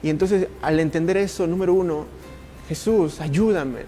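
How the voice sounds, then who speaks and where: Interviewed on a podcast, a ministry coach from Italy talks earnestly and passionately, his phrasing halting and repetitive. He has a dark-toned voice on the high side, and faint music plays behind him.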